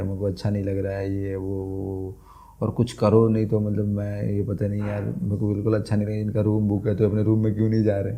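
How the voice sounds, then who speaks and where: A man guesting on a podcast, telling a funny story in casual chat and acting out the lines he quotes. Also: fairly low pitch. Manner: animated anecdote, acts out quoted lines, laughs a lot.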